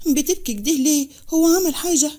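A woman's voice: high-pitched, quick pace, dark tone, pitched above the performer's own voice, natural voice. A woman voicing a blunt, protective young female friend with an Egyptian accent, speaking in a scolding way. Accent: Egyptian Arabic.

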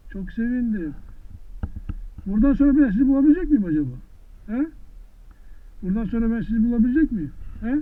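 A man talking gently to horses in an outdoor pasture, coaxing them with affectionate, repeated questions. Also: high voice. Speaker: vlogger visiting wild horses. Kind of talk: casual talk to animals. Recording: tinny lo-fi phone-like sound, faint noise.

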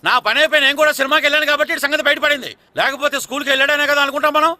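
An actor playing a hot-tempered village father who scolds his son in a fast, blustering way. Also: extremely high pitch, level tone, no echo, heavily acted. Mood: angry. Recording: music loud behind.

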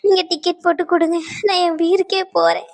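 A woman's voice: extremely high pitch, flat delivery, quick pace, vocal fry, darkish tone, no room sound. A woman voicing a tearful, jealous young woman who is crying. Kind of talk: cartoon dubbing.

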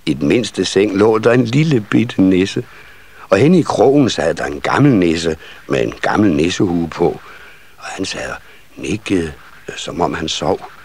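A man narrating a Danish children's Christmas story in an expressive storybook manner. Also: sits low, breathy edge. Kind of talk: storybook reading.

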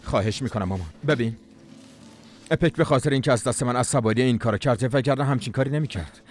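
A man's voice: mid-range voice, close to an everyday voice. An actor dubbing a young husband caught between his wife and his mother, scolding and pleading in turns. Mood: tense. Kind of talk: Persian dubbing of a drama series.

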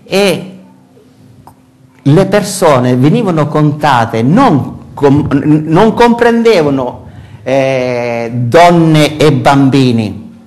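Older Sicilian pastor preaching animatedly. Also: male voice, on the high side, drawn-out words. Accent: Sicilian Italian. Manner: animated preaching with rhetorical questions. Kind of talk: sermon. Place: church hall with congregation. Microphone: far camera.

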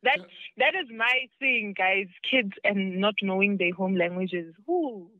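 A woman's voice: medium pitch, expressive, measured pace, no room sound. A woman with a South African accent, a guest actress chatting casually, switching between English and Tsonga and repeating words as she starts a thought. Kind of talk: casual podcast chat. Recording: dull, dry podcast audio.

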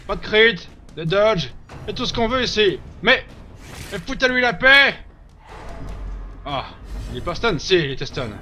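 A man hosting a let's play, giving casual gameplay commentary, reacting loudly, joking and swearing at the game. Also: high voice, big pitch swings, moderate pace, faint music behind.

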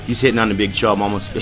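A man narrates underwater fishing clips as the host of his own show, in a casual, rambling voice-over. He gets excitable as the action comes, leaning on fillers and restarts. Soft guitar music plays faintly underneath. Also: lowish voice. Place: studio voice-over, not the pictured lake.

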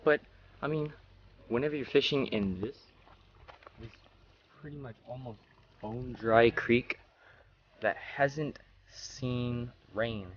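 Speaking slowly with frequent pauses, this teenager has a mid-range voice, heard through lo-fi sound with slight background noise. He films himself at arm's length on his phone near a small creek, giving rambling, laid-back commentary on fishing and often saying "I don't know."

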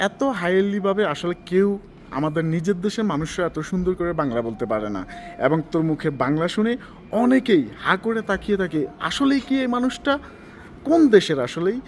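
Male interviewer with a high voice, mixes English words into his Bengali questions, faint noise behind. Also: animated, fairly quick.

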